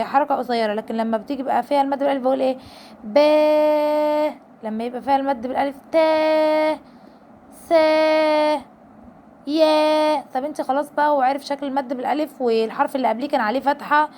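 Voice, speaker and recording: A woman's voice: high-pitched, darkish tone, a little hiss or hum. A woman with an Egyptian Arabic accent teaching a reading lesson to parents, explaining patiently and stretching out syllables to demonstrate.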